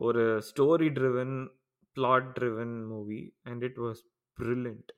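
A man's voice: mid-range voice, fairly even intonation, normal speed, highs cut off. A man with a South Indian Tamil accent in casual discussion, switching between English and Tamil.

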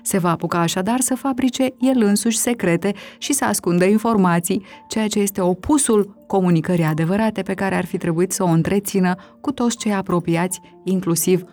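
Woman interviewer, mid-pitch, steady reasoning, quick "yes" backchannels, faint music bed. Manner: reasons aloud, with frequent short agreements. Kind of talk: interview conversation.

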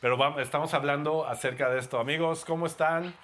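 Mexican-accented man, pastor, joking sermon, bright tone, somewhat high voice. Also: fairly even intonation, fast, slight background noise. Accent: Mexican Spanish. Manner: playful, joking, conversational. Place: church before a congregation.

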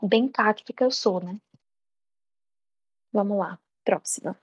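A young adult woman in a relaxed, self-mocking casual chat. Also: mid-range voice, slow, slightly rough, no echo, lo-fi sound.

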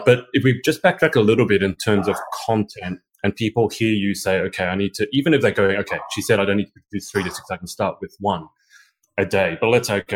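A man with a very low, deep voice hosts a relaxed podcast chat. He talks in a loose, conversational way, restarting sentences and thinking aloud as he goes. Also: slight background noise. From Australia. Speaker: podcast host. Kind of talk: conversational interview.

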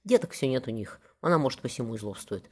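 A man reading the part of an anxious, gentle widowed queen and mother in an audiobook, softly worried. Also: medium pitch, expressive, fast, lightly acted.

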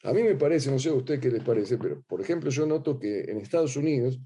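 A man's voice: mid-range voice, lively intonation, fast talker, warm tone, slight background noise. A middle-aged man with an Argentine Spanish accent, a rabbi giving a religious lecture in a sing-song, teacherly way, often repeating words as he searches for them.

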